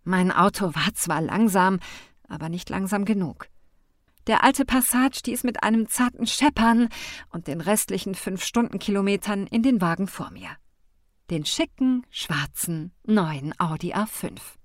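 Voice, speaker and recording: A woman narrating a first-person novel in an expressive, wry manner with lively inflection. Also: mid-range voice, measured pace, no echo, clean studio sound. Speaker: audiobook narrator.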